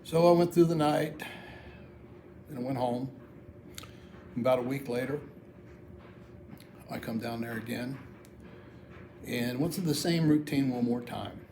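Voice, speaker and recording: A man's voice: medium pitch, measured pace, pauses often, warm tone. A middle-aged or older American man tells a personal story in a plain-spoken, folksy, casual monologue. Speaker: amateur video storyteller. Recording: clearly audible background noise.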